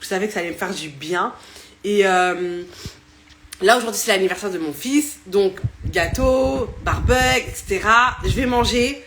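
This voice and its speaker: A woman's voice: mid-range voice, normal speed, fairly bright tone, a little hiss or hum. A woman in her thirties, chatting casually on a live stream from her phone at home, laughing often and restarting her sentences. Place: indoors at home next to a fan. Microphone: phone camera.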